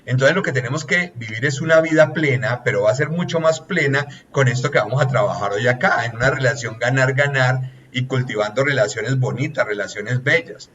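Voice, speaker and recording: A man's voice: medium pitch, a little fast, few pauses, fairly bright tone, lo-fi sound. A man, a relationships consultant giving an earnest, teacherly coaching talk that lists points one by one.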